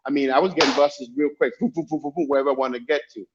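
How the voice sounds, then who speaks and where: Fast-talking man with a Dominican-influenced accent. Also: mid-range voice, steady tone, background noise. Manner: emphatic, repeats phrases for emphasis. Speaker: guest, travel YouTuber. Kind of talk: casual chat, animated storytelling. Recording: dull lo-fi call audio.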